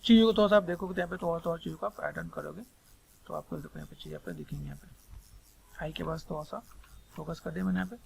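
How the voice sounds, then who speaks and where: Fast, gravelly Hindi-accented man teaching. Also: on the high side, a little mellow, a little hiss or hum. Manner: rambling, repeats filler phrases constantly. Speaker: 3D sculpting tutor. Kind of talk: screen-recorded software tutorial.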